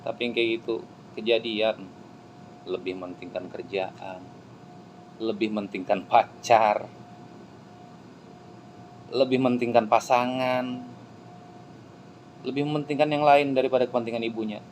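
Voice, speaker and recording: A man preaching a sermon, swinging from hushed pleading to loud exclamations. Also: medium pitch, steady tone, unhurried, pauses often, slight background noise, low-quality recording. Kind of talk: emotional sermon.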